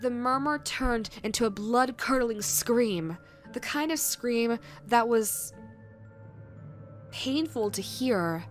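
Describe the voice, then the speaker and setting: A woman reading a scripted creepypasta horror narration in a measured way, with dramatic pauses. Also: fairly high pitch. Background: background music.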